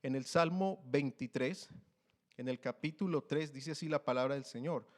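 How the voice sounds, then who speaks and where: A man's voice: medium pitch, normal speed, darkish tone. Male church preacher, earnest, hesitant delivery with restarts, rises when reading scripture. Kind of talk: sermon with Bible reading.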